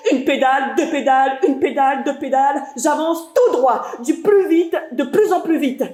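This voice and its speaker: An actress voices a frazzled young woman of nearly thirty, rushing and breathless, her rhythmic delivery breaking into sudden outbursts. Her voice sits high and bright. A roomy hall echo hangs around every line of this live stage reading. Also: close to an everyday voice. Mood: frantic. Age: 20s. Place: stage at a theatre festival.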